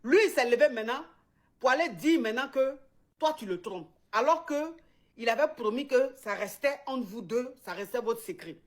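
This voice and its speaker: A woman's voice: on the high side, animated, normal speed. A woman, hosting and retelling a viewer's story in casual chat, addressing the listener directly and repeating phrases for emphasis.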